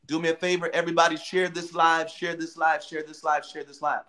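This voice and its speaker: Guy hosting a live stream, calls out commenters, a bit high voice, video call sound. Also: monotone, fairly quick, pushed and bright. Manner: hype-man, calls out viewers by name. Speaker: livestream host. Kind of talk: lively livestream hosting.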